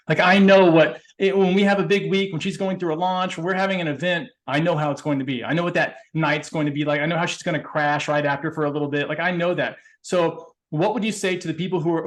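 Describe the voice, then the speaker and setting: A man co-hosting a casual podcast, asking long, halting questions full of repeated words. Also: on the high side, fairly bright tone. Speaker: co-host.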